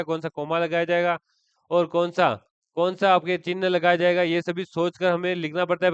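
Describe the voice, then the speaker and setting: A man's voice: high-pitched, clear, resonant tone, no room sound, highs cut off. A man giving an exam-prep lecture, repeating key terms and asking and answering his own questions. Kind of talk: online lecture.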